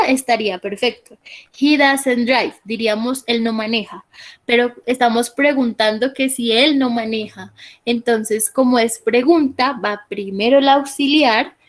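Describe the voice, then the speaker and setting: A woman's voice: fairly high pitch, low-quality recording. A woman teaching an English class online, reading out student answers and patiently explaining corrections, often checking in with "¿listo?".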